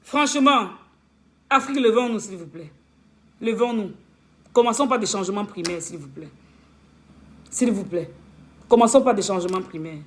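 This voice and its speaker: A woman's voice: medium pitch, expressive, moderate pace, pauses often. A woman relationship coach giving an impassioned, scolding rant on a live stream, firing off rhetorical questions and stammering over repeated words.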